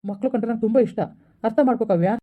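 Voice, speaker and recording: A woman's voice: on the high side, very fast, phone-quality sound, close to an everyday voice. Woman playing a doting young husband. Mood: insistent. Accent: rural Karnataka Kannada. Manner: pleading then insistent, calls her baby.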